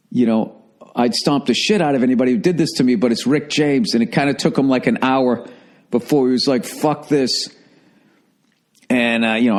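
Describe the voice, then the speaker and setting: A man in his forties hosting a podcast, telling stories in a loose, profane, animated way and putting on other people's voices as he goes. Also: medium pitch. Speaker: comedian podcast host. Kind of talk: casual storytelling monologue.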